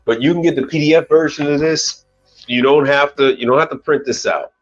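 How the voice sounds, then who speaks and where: In a slightly high, brisk voice, a US-born commercial appliance repair technician and channel host in his forties chats casually on a live stream. He rambles, restarts his sentences, and swears lightly, while faint music plays behind dull, lo-fi sound.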